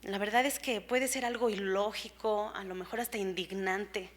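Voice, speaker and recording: A woman's voice: medium pitch, fairly even intonation, moderate pace. A woman preacher giving a sermon in an earnest, explanatory way, with rhetorical questions and frequent fillers, in a church.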